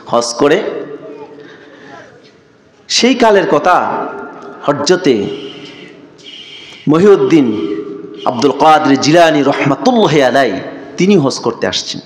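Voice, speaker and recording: A man's voice: fairly high pitch, sing-song, slow pace, pauses often. A male preacher delivering a sermon, repeating phrases for emphasis and chanting scripture verses. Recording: echoey sermon sound.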